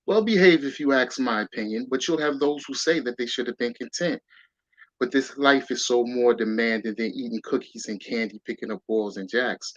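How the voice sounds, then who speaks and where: A guest author with a mid-range male voice reads his own rhyming children's story aloud, with a rhythmic lilt and lively emphasis on the verse. There's no room sound, though the recording itself is dull and lo-fi.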